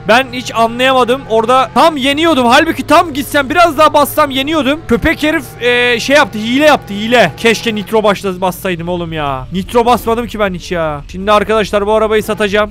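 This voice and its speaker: A man giving rowdy, excitable let's-play commentary as a gaming YouTuber, jokingly hurling insults at the game. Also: high voice, clean tone.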